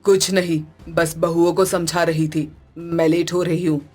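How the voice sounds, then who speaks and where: A woman's voice: lowish voice, flat delivery, a little slow, darkish tone, faint music behind, pitched below the performer's own voice. A woman voicing a strict, bossy middle-aged mother-in-law in a cartoon, stern and scolding.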